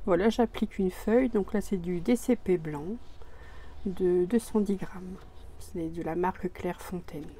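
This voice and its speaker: A woman explaining a craft project step by step while she works, hesitant, with many pauses and restarts. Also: on the low side, warm tone, a little hiss or hum. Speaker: crafting tutorial presenter.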